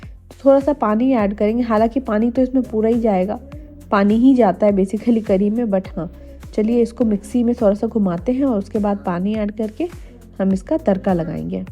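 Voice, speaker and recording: A young woman from India, slightly hoarse from a cold, chatting to viewers in a casual cooking vlog voice-over. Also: medium pitch, normal speed, dark tone. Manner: chatty, addresses viewers directly. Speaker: homemaker vlogger. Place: voice-over, not recorded in the pictured kitchen. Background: faint music.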